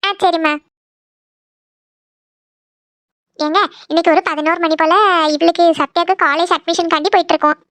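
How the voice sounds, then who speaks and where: A woman's voice: very high voice, little pitch movement, quick pace, dry recording. A woman voicing a cheerful, bustling village mother in a cartoon, chatting in a homely way. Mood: chatty. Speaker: cartoon voice actor. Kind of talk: Tamil cartoon dubbing.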